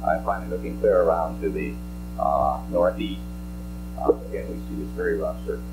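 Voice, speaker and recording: A man presenting slides as a scientist at a briefing, explaining technical material in a halting, explanatory way. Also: low voice. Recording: archival press-conference audio with hum.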